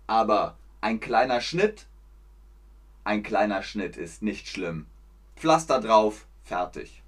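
A man teaching a language lesson to learners, slowly repeating words and acting out examples. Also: on the low side, husky. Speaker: German teacher.

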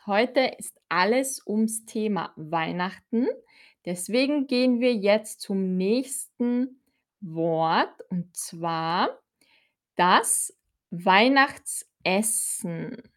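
An Austrian German teacher leads a live-streamed language lesson, deliberately speaking slowly. Her voice is at an ordinary middle pitch, and she talks clearly, repeating key words for her learners.

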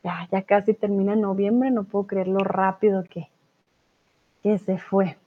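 Her voice is medium-pitched and steady as this Colombian-accented teacher runs a live Spanish class online. She's patient, explaining slowly and often asking "¿vale?" to make sure students follow, and the sound is tinny and phone-like.

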